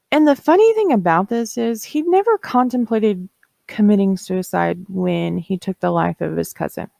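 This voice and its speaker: A woman tells a true crime story in a casual, conversational way, breaking off now and then to give blunt opinions of her own. Her voice sits low and carries a gravelly fry, recorded close and dry with no room sound. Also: a little mellow, no echo. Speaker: true crime podcast host.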